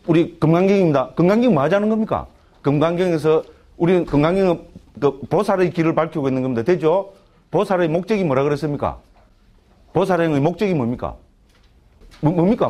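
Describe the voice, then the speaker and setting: A man's voice: fairly high pitch, a little mellow. A middle-aged male monk giving a lecture to a class. He keeps asking rhetorical questions, checks with "right?" again and again, and slips in playful jokes between points.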